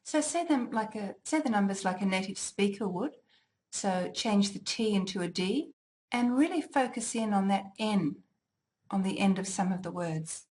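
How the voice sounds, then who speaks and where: A woman teaching a language exam lesson, deliberately enunciating each word for listening practice. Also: medium pitch, animated, darkish tone. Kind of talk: slow, clearly articulated lesson.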